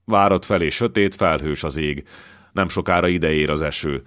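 A male narrator voicing a brisk, practical army count with a blunt manner. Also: a bass voice, fairly bright tone. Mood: matter-of-fact.

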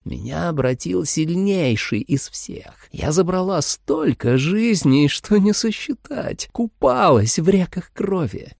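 A man's voice: high-pitched, very animated, creaky, a little mellow, dry recording, clean studio sound, voice pushed up, heavily acted. A man doing a crooning vampire mother. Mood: crooning menace. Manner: slow, crooning, menacing. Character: seductive cruel vampire mother, woman.

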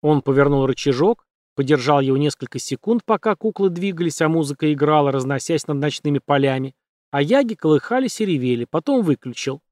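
A man reading an audiobook in steady, measured scripted narration. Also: a little high, no room sound, clean studio sound. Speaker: audiobook reader.

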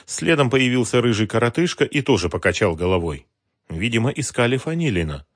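A man narrating an audiobook in a calm, expressive reading. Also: mid-range voice, fairly quick, dry recording, clean studio sound. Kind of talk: scripted narration.

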